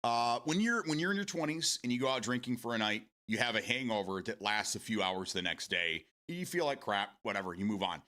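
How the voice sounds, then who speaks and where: A man's voice: fairly low pitch, animated, a little fast, hardly any pauses, bright, forceful tone. A man in his forties hosting a casual morning stream, rambling, repeating words and swearing casually as he answers viewer comments. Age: 40s.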